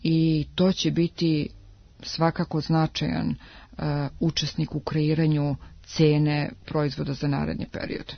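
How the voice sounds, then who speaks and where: A woman speaks as an industry adviser in a radio interview, her voice gravelly with a touch of fry. She explains steadily, stopping on drawn-out fillers between points. The sound is dry, close and dull, like an old radio broadcast. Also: low voice, level tone, no room sound. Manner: measured, explanatory, pauses on drawn-out "e".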